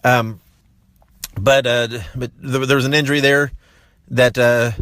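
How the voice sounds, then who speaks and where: A man's voice: mid-range voice, flat delivery, unhurried, fairly bright tone, clear, resonant tone, no room sound. A man hosting a podcast and chatting casually, rambling with restarts as he plugs shows. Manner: rambling with many fillers and restarts. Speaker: podcast host.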